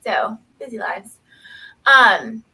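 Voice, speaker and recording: A woman's voice: a little high, animated, takes it slowly, sharp tone, low-quality recording. A woman from Tennessee with a Southern accent, a guest nurse, cheerful and giggly in a casual interview. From Knoxville, Tennessee.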